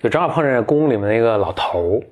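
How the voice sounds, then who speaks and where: A man, hosting a podcast and telling a fairy tale off the cuff. His voice sits at an ordinary middle pitch. He talks in a chatty way and often stops to restart a line. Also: expressive, quick pace, darkish tone. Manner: chatty, with many fillers and restarts. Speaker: podcast host. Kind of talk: casual storytelling.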